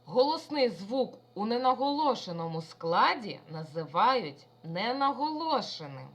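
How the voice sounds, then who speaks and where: A woman's voice: mid-range voice, a bit bright. A woman primary school teacher giving a recorded lesson to young children, talking in an affectionate, sing-song way.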